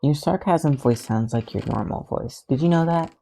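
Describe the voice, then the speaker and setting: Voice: mid-range voice, normal speed, gravelly, warm tone, a little hiss or hum, lightly acted. A podfic reader voicing Green Lantern, a cocky young man who wisecracks flippantly. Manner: flippant, joking. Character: cocky wisecracking young male space cop.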